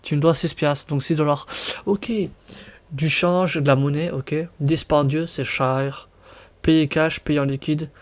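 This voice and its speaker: A man's voice: on the high side, fairly even intonation, unhurried. A young man from France with a French accent, chatting casually in a vlog, reading out words and reacting with surprise. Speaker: vlogger.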